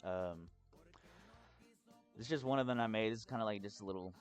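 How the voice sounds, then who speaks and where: A man from Texas giving a casual, rambling explainer vlog as a hobbyist, sounding drunk, halting and swearing freely. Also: on the low side, faint music behind. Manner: tipsy, rambling drunk talk with halting phrases and heavy swearing. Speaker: hobbyist presenter.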